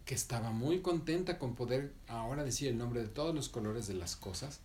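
A man's voice: medium pitch, brisk, a little mellow. A man telling a children's story, playful and chatty, correcting himself and asking the listener questions.

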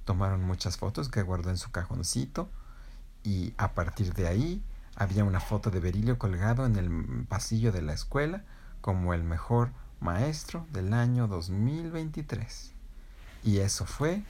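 A woman gently telling a children's story. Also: rumbling low, lively intonation, moderate pace, slightly rough.

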